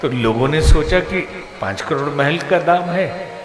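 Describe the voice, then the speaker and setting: A man delivers a devotional sermon at a slow, deliberate pace, telling parables and shifting his voice as he acts out the characters. His voice rings with the long echo of a large hall. Music plays clearly under his words. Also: on the high side, expressive. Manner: storytelling, acting out characters with rising and falling voice. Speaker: spiritual preacher.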